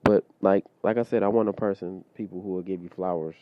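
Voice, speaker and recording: A man with a very low, deep voice talks off the cuff on his solo podcast, looping back with fillers and asides. His comes through in a relaxed, conversational flow. The audio is a bit dull and lo-fi. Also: fast talker, no echo. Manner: loose conversational, many fillers like "you know what I mean". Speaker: podcast host. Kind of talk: casual solo podcast monologue.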